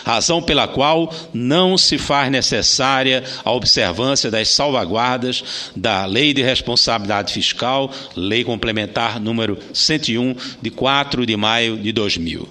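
A man with a Brazilian accent speaks in a bright, forceful voice of medium pitch. He reads a formal senate speech from a prepared text. His phrasing is deliberate, with an occasional stumble over a word. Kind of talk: formal parliamentary speech read from a script.

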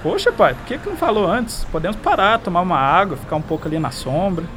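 Anxious high-voiced young son. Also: male voice, very animated, quick pace, background noise. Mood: caring, earnest. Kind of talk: radio drama acting.

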